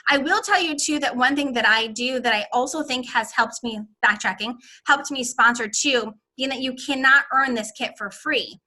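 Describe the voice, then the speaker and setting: A middle-aged woman casually giving advice to her sales team, animated, often acting out excited voices. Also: sits high, moderate pace, few pauses. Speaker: direct sales team leader.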